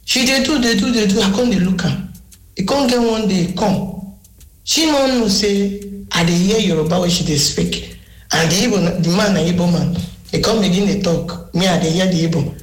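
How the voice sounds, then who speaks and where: A woman's voice: mid-range voice, moderate pace. Woman caller in a voice note played on air, Nigerian Pidgin accent, roomy echo, storytelling delivery. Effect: recorded voice message played on air. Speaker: radio listener sending a message. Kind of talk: personal story told by phone message.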